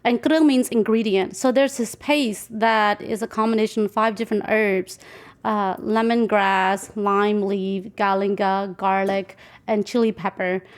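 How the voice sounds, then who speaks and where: An unhurried woman with a mid-range voice and fairly even intonation cooks while telling casual, reflective stories in an interview. She is a home cook in her 40s from Nashville, United States, recorded in a clicky, noisy kitchen.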